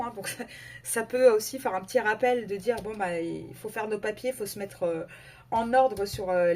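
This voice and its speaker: A woman giving a casual tarot and oracle card reading to her viewers, talking in a halting way with many fillers and self-corrections. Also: on the high side, darkish tone.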